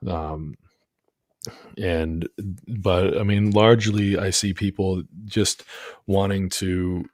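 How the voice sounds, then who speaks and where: A man hosting a relaxed livestream conversation, speaking in a very low voice. He rambles and restarts his sentences often, and the dry sound leaves no room echo. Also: slow pace. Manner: rambling, many restarts and fillers. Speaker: host. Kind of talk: casual livestream chat.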